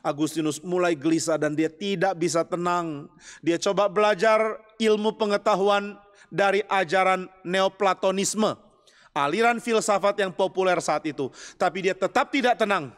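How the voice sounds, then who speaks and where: A man's voice: high-pitched, moderate pace, big-room sound. A man, a pastor, preaching a storytelling sermon in a chapel, acting out the voices of the people he describes.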